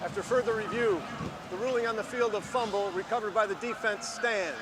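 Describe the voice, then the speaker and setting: A man delivers a referee's penalty announcement in a high-pitched voice. His phrasing is formal and declarative, carried over a stadium system with clear noise around it. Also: fairly quick.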